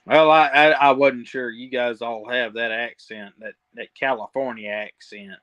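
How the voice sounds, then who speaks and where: A man's voice: medium pitch, fairly even intonation, a little slow, a bit bright, no room sound, dull audio. Southern drawling man, blunt and teasing. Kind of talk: casual chat.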